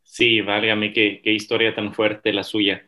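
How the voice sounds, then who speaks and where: A man asks questions politely and formally, with an occasional filler. His voice is bright and slightly low. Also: little pitch movement, unhurried. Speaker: interviewer, university professor. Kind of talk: formal interview. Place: Monterrey, Mexico.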